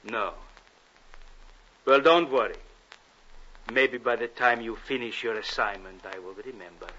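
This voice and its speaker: A menacing Soviet spymaster, crisp and cold; dull 1950s broadcast sound. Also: male voice, mid-range voice, measured pace, sharp tone. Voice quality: clipped, coldly commanding. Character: cold menacing male Soviet agent, middle-aged. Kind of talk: 1950s radio drama acting. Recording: dull old radio broadcast with hiss.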